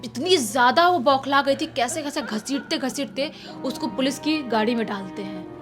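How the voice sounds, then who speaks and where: A woman telling a spooky village story in a chatty, repetitive, animated way. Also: high voice, normal speed. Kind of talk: casual spoken horror story. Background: faint background music.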